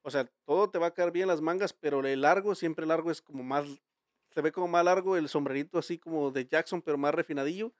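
A man's voice: on the high side, fast talker, no echo, clean studio sound. A Mexican man hosting a casual podcast chat, telling rambling, slang-filled stories with many restarts. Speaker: podcast host.

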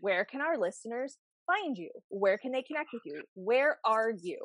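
A woman from the United States hosting a podcast interview, chatting casually and telling stories in an animated way. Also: fairly high pitch, normal speed, no echo. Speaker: podcast host.

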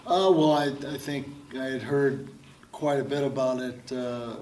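A male fighter answering interview questions in a halting way, with many fillers and repeated words. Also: mid-range voice, fairly even intonation, darkish tone. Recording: echoey and distant with faint noise.

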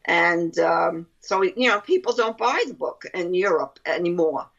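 A woman's voice: on the low side, animated, unhurried, gravelly, a bit bright. A woman with a Brooklyn accent chatting casually as an interview guest, rambling and often repeating her phrases. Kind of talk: casual chat. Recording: dull lo-fi line.

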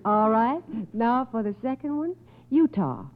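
A woman hosts an old radio quiz show, courteous and schoolteacherly, enunciating precisely and affirming contestants. Her voice is on the high side, expressive, at a measured pace, heard through a muffled, phone-like old radio recording.

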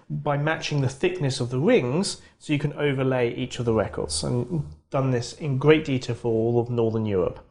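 A middle-aged man, a geography professor, explaining his field in lively lecturing bursts with quick restarts. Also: medium pitch. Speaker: geography professor, interview guest. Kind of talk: conversational expert explanation.

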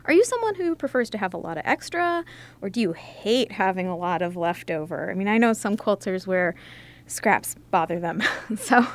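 A chatty woman editor on a podcast, sharing tips with warm enthusiasm. Her pitch swings widely as she talks. She laughs easily between points. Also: animated, normal speed. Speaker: magazine editor, podcast guest. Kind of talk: casual podcast chat.

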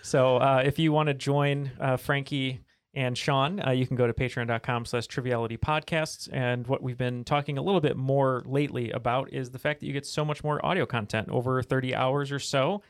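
A man's voice: mid-range voice, fairly quick, few pauses, clean tone, no echo. Man, podcast host, laid-back chatty delivery, dry close mic. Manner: relaxed, many fillers. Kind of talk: casual podcast chat.

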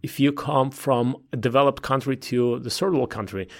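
A man with an Eastern European, Belarusian-born voice speaks as an interview guest. His voice is mid-pitched with a gravelly creak. He explains in halting phrases, often repeating a word before moving on. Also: steady tone. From Belarus, Ukraine and Russia. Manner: halting, repeats words while searching for phrasing. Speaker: interview guest, political campaign consultant.

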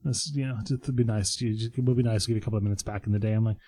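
Quick-talking man in casual podcast chat. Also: on the low side, fairly even intonation, dark tone. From Croatia. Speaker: podcast co-host.

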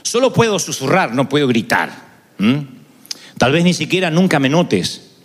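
A male preacher voicing the human soul as a shy, soft-spoken woman who confides in the listener. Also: on the high side, very animated, moderate pace, husky. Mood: confiding. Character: the soul, shy quiet female voice. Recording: long hall reverb.

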